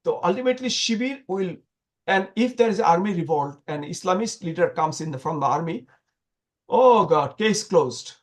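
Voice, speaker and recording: A man being interviewed, talking in an animated, sarcastic way with many restarts and repeated words. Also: high voice, moderate pace. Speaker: guest commentator.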